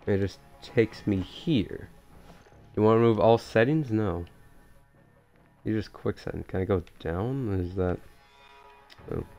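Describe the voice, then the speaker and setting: A man giving casual, excitable commentary while playing a shooter game, swearing and thinking aloud. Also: lowish voice, unhurried, gravelly, pauses often, dull audio, faint music behind. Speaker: gamer.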